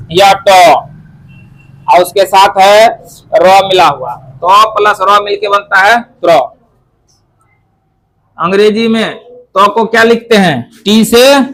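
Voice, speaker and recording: A man with a high, fairly bright voice gives a lesson on Sanskrit pronunciation. Explaining one step at a time, he questions and answers himself, and slowly says each sound aloud to show how it's done.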